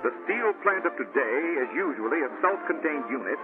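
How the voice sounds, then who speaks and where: A man's voice: a little high, animated, normal speed. Old newsreel narrator, male, formal announcing delivery, tinny lo-fi sound with music behind.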